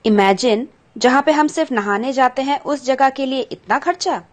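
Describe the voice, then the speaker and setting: A woman's voice: sits high, normal speed. A woman teacher patiently explaining a school textbook chapter to children, glossing English words and asking the pupils questions.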